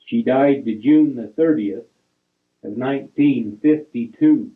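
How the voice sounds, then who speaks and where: Slow, halting older man on a tinny line. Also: mid-range voice. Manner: halting, reads dates piece by piece, corrects himself. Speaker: family storyteller. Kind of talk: reminiscing narration over old family photos. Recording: tinny, phone-like recording.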